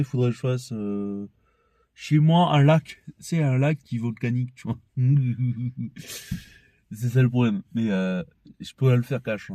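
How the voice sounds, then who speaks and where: A man's voice: medium pitch, mellow. A young man with an ordinary mid-range voice talks through a loose, rambling monologue. He swears freely and laughs between thoughts, and at times he heats up into ranting. The recording sounds dry and close, with no room echo. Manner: rambling, profane, laughs often, shifts into heated ranting. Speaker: vlogger.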